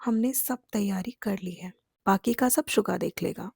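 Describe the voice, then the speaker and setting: A woman's voice: medium pitch, moderate pace, gravelly, darkish tone, husky, dry recording, clean studio sound. A woman reading the lines of a flustered young man in a storybook romance. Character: fretful young man Jimin, groom's friend.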